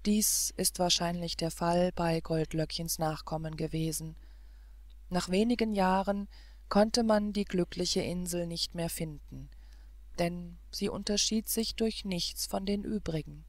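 A woman reads an old fairy tale aloud for an audiobook. Her storytelling is calm and measured, and her pace is very slow. The recording sounds dry and close. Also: lowish voice, no room sound. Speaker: audiobook narrator. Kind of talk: scripted fairy-tale narration.

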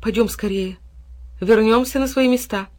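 A sly, grumpy cat who mutters his words gruffly, as a woman puts him on. He sounds sullen and dismissive. It is a storybook reading. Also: fairly high pitch, normal speed, natural voice. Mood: grumbling.

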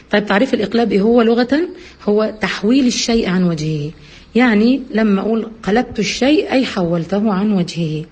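A woman with an Egyptian Arabic accent teaching recitation rules, asking her listeners questions and answering them herself. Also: a little mellow. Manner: asks and answers own questions, many fillers. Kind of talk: explanatory lesson, addresses listeners directly. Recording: husky low-bitrate radio-quality audio.

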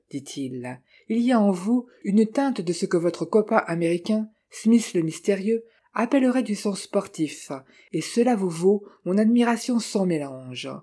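A reader voicing a cultured gentleman thief who speaks politely with dry irony. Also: mid-range voice, husky. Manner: polite, dryly ironic. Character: suave cultured gentleman thief, ironic and calm.

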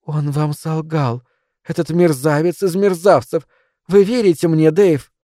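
A man's voice: on the high side, fairly even intonation, a little slow, warm tone, no room sound, studio quality, natural voice. A man voicing an earnest, caring young woman in an audiobook reading. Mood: tender, anxious.

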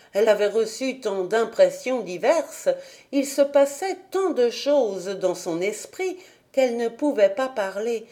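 A woman reading a children's classic aloud as an audiobook narrator in a slow, measured way. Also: fairly high pitch, warm tone. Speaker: audiobook reader. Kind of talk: storybook narration.

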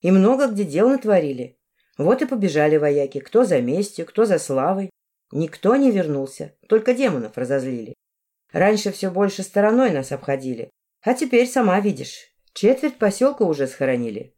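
Woman voicing a gruff weary old village matriarch. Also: fairly low pitch, big pitch swings, moderate pace, mellow. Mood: weary blunt. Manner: blunt, weary, scolding.

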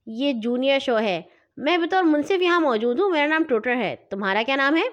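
Woman reading as jolly male judge, hearty, brisk, lively voice, storybook. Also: high voice, lo-fi sound. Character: jolly man judge at a horse show.

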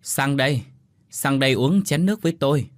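A man voicing a frail, half-deaf, hunched very old village woman who speaks slowly and haltingly in an audio story. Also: medium pitch, no echo, studio quality, pitched above the performer's own voice, close to an everyday voice. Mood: confused. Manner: slow, faltering, confused.

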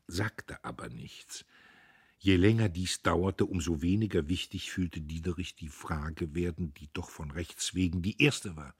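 Deep, husky male audiobook narrator. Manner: measured, dramatic reading. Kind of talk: scripted narration of a novel.

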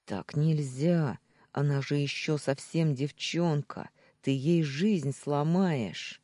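A man voicing a desperate, angry young man who pleads, shouts and snarls in a dramatic audiobook. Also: a little high, steady tone, slow, no echo, studio quality.

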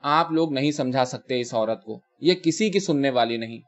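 A man's voice: highs cut off, natural voice. A man voicing an exasperated husband who gives his wife curt, commanding orders in a short story reading. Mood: stern. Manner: curt, commanding, then low and steady.

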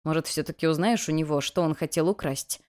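A gruff older male mentor who grumbles but cares deeply, as a woman reads him in a storybook. His voice is lowered and quietly grumbling. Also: a little fast, lightly acted.

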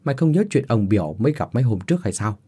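A man's voice: on the low side, big pitch swings, rapid-fire, warm tone, husky. A man voicing a frightened young farmhand in a spoken horror story, wanting to back off. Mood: scared. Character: scared young male farmhand.

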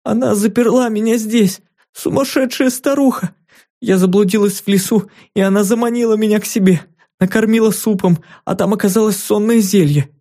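Storybook role: male reader doing a frightened caged girl of about nine, high and tearful, begging for help. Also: steady tone, moderate pace, mellow. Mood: pleading. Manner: tearful, pleading, high-pitched.

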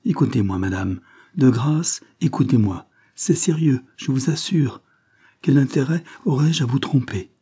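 A man's voice: on the low side, animated, normal speed, few pauses, dark tone, husky, dry recording. A man reading aloud, voicing a desperate lovesick man who pleads passionately and tearfully.

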